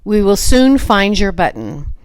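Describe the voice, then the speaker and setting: A woman's voice: medium pitch, very animated, measured pace, a little mellow, no echo. Older woman as a helpful, eager storybook frog. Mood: reassuring. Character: helpful, reassuring male storybook frog friend. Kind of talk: children's storybook character reading.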